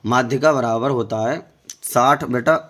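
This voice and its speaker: A man's voice: medium pitch, moderate pace, fairly bright tone. Man explaining math, asking pupils. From India. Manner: explains step by step, keeps asking the students questions. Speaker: math teacher. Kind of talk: board-exam tutoring lesson.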